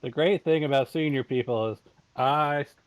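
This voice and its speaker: A man's voice: mid-range voice, moderate pace, dry recording. A man in his forties, teasing and sarcastic in a casual chat. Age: 40s.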